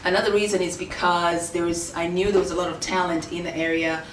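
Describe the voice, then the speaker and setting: A woman, a shop owner answering interview questions in a measured way with many pauses. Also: on the low side, flat delivery, roomy sound, distant mic, slight background noise. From Kenya. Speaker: boutique owner. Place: her clothing shop.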